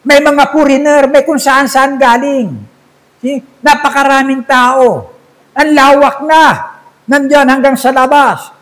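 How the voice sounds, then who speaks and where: A man voicing an excited wife who eagerly reports news in a raised voice. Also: very high-pitched, big-room sound, pitched above the performer's own voice.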